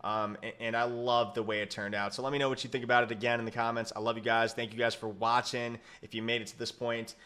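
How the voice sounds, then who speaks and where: A man's voice: medium pitch, flat delivery, fast talker, few pauses, bright, forceful tone. A young man with hiccups giving casual, rambling commentary on a football mock draft, often correcting himself. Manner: rambling, self-correcting, lots of fillers. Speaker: sports YouTuber.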